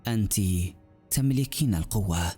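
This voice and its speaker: A man's voice: lowish voice, lively intonation, moderate pace, dark tone, slightly rough, faint music behind. A man voicing a cold, bitter male demon lord who speaks with mocking weariness.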